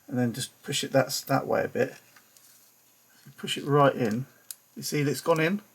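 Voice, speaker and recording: A man's voice: medium pitch, moderate pace, gravelly, slightly rough. A man talking casually through a figure-painting tutorial at his workbench, muttering to himself as he works and holding his breath over the fiddly bits. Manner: chatty, muttering to himself while working. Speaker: hobbyist toy customizer.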